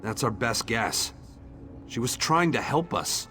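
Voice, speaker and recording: Voicing a hopeful, grateful young townsman who defies fate and rallies his people, a man delivers game dialogue earnestly and declaims a little. His medium-pitched voice is sing-song and sharp at a measured pace, over background music.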